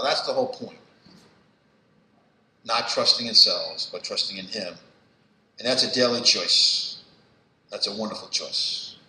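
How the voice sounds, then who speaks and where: A man preaching a sermon with passion, surging to emphatic peaks and dropping to a hush for prayer. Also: reverberant, rough recording. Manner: impassioned, rising to high emphatic peaks then dropping soft; slow, hushed prayer reading.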